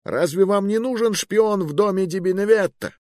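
A desperate young prisoner shouting his pleas in a raised, strained voice - acted by a man reading the story. Close, dry sound with no room around it. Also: high-pitched, moderate pace, dry recording, voice pushed up, natural voice. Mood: desperate pleading. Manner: pleading, shouting.

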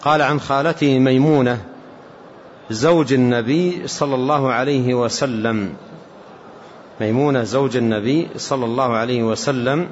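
Male sheikh explaining hadith, slow careful teaching, muffled lo-fi tape. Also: medium pitch. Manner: measured explanatory teaching with repetitions. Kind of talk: religious lesson commentary. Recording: dull lo-fi lecture recording with faint hiss.

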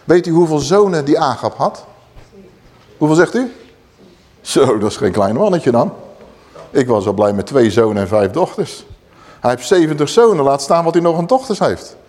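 Middle-aged male preacher, fairly high voice, lively Bible storytelling, blunt colloquial asides. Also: moderate pace, pauses often. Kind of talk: sermon.

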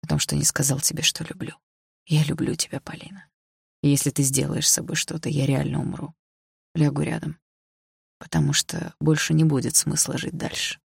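A woman voicing a troubled, protective young man in an audiobook, speaking hushed and urgent. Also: low-pitched, level tone, brisk, vocal fry, breathy edge, dry recording, clean studio sound, full character voice. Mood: tender.

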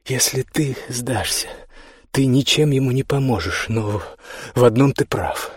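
A man's voice: mid-range voice, a little slow, husky, no echo, studio quality. A man voicing a frantic young woman who pleads and fights back tears. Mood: urgent. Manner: pleading, tearful, breaking into cries. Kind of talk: audiobook character voice.

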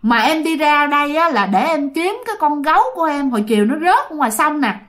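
Brief: a woman doing a scared little boy in a storybook ghost tale, soft and timid, high voice. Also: lively intonation, a little fast.

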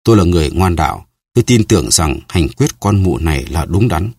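A man's voice: low voice, expressive, fairly quick, a little mellow, breathy edge, exaggerated voice. A man reading an audiobook, voicing a pious executioner who speaks bluntly and solemnly. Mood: grim.

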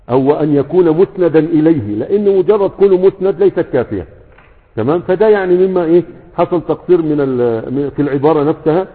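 Fast-talking Egyptian man teaching grammar. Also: on the high side. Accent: Egyptian Arabic. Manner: keeps checking in with rhetorical questions. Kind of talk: lecture with a class. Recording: echoey, tinny phone-like sound.

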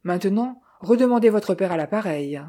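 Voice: mid-range voice, animated, normal speed, mellow, close to an everyday voice. Millionnaire bourru, ton sec, voix sombre, lu par un narrateur. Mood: gruff. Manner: curt, barking. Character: angry gruff male millionaire.

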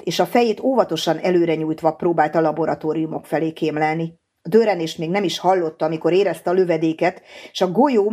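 Woman audiobook narrator, measured, steady, lower voice. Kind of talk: scripted narration.

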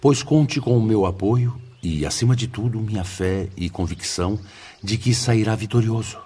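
In a Brazilian radio drama, an actor voices a grave, fatherly spirit director, speaking with a Brazilian accent in a solemn, measured, formal way. His voice is fairly low, mellow and edged with breath, carrying solemn encouragement over background music.

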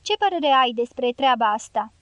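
A woman's voice: high voice, animated, a bit bright, no echo. A woman reading the part of an impatient male commanding officer asking curt questions in an audiobook.

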